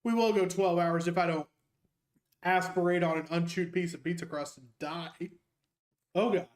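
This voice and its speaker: A man streaming a racing game and joking his way through casual, rambling commentary as a high school teacher. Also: steady tone, normal speed, echoey room. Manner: jokey, rambling, self-mocking.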